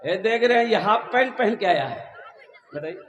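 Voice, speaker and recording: High-voiced man preaching with fervor. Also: lively intonation, moderate pace, echoey room, big-room sound, a faint crowd. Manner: sing-song chanted verses between fervent, emphatic preaching. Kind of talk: sermon.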